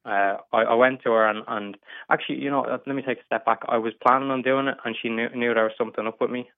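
A man's voice: mid-range voice, steady tone, fast, dry recording. Stammering young man on a tinny phone line. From England. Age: 20s. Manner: hesitant, stammering with many restarts. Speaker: caller. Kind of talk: casual advice call.

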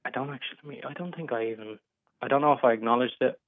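A man's voice: medium pitch, racing, no room sound. Stammering young man on a tinny phone line. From England. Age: 20s. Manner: hesitant, stammering with many restarts. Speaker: caller. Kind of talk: casual advice call.

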